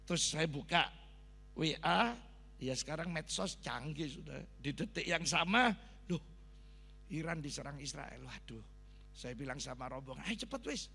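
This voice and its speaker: A middle-aged man with a Javanese accent, a pastor telling a sermon story with animated sound effects and Javanese asides. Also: fairly high pitch, normal speed, vocal fry, long pauses, slight background noise. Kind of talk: sermon testimony. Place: large church hall. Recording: long reverb of a church hall.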